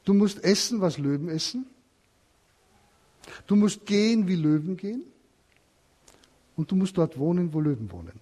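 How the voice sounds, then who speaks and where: A man's voice: high voice, very animated, moderate pace, long pauses, mellow, breathy edge. A man preaching a sermon, telling a parable and asking his listeners questions. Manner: storytelling, asks the listeners questions.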